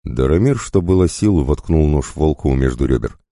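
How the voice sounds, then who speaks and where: Man narrating a story, very deep voice, dark tone, dry close sound. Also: expressive, moderate pace, no echo. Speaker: audiobook narrator. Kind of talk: scripted narration.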